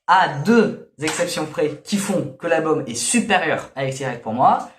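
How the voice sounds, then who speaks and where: A man reviews albums in a loose, grumbling way, often stopping on fillers. His voice sits a little high. The room around him is echoey. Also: expressive, measured pace, a bit bright, a little hiss or hum. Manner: grumbling, hesitant, many fillers. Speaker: music reviewer. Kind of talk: casual review commentary.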